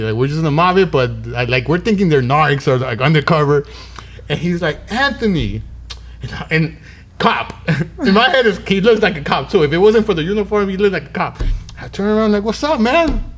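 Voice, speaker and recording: A man in his thirties hosting a podcast, telling a story in casual slang and acting out the dialogue. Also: a little high. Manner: animated, slangy, acts out quoted dialogue.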